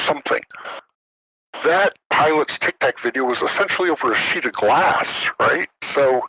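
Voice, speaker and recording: Guy w/ disguised altered voice, gravelly and kinda husky, slow careful ums and uhs. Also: mid-range voice, bright, forceful tone, low-quality recording. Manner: hesitant, picks words carefully, many ums and uhs. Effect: voice altered to disguise identity. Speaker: guest, former military official. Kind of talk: podcast interview.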